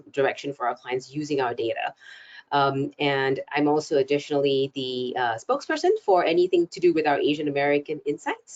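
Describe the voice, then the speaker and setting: Low-voiced woman from Singapore. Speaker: panelist, communications lead. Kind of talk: webinar panel introduction. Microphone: video call. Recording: muffled video call audio.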